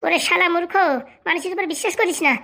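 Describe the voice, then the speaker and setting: A woman's voice: very high voice, creaky, pushed and bright, exaggerated voice. A woman voicing a scheming young male con man posing as a holy fortune-teller in a comic cartoon, bossy and scolding. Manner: bossy, fast-talking, scolding.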